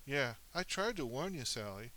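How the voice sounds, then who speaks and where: A man's voice: mid-range voice, sing-song, normal speed, pushed and bright, a little hiss or hum, voice pushed up, poor audio. A man voicing an eager, playful young boy in a storybook reading.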